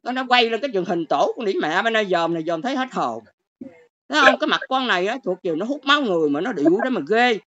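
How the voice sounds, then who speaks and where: A woman's voice: medium pitch, animated, fast, fairly bright tone. An older woman with a Southern Vietnamese accent, ranting and lecturing her viewers on a livestream in a scolding, exclamatory way. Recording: dull lo-fi stream audio.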